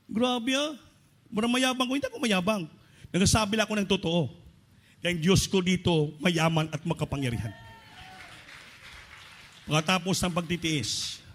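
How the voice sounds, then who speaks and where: A man with a Filipino accent preaching a sermon, telling a personal testimony with lively acted-out quotes. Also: high-pitched. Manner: animated storytelling with acted quotes.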